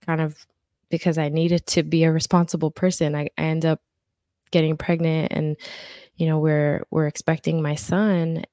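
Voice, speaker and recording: A woman's voice: sits low, warm tone, dry recording, clean studio sound. A woman life coach telling her story in an earnest, conversational interview. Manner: earnest, faith-centered storytelling.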